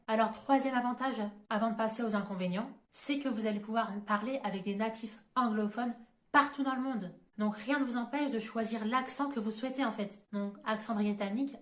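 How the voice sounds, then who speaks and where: A fairly high-voiced woman teaching in a video lesson, in an echoey room. She works methodically through each point, counting off advantages and drawbacks one after another. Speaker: English exam coach.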